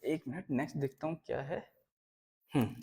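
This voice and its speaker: A man's voice: medium pitch, normal speed, gravelly, mellow, a little hiss or hum. A young man teaching a grammar lesson to schoolchildren, explaining step by step and checking in often.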